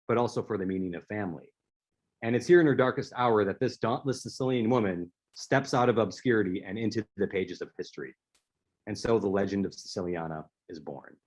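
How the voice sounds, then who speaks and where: A man's voice: fairly low pitch, husky. A man speaking as an author, giving a prepared talk and telling stories, with a few restarts. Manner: storytelling, with some restarts. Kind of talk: prepared speaker-series presentation.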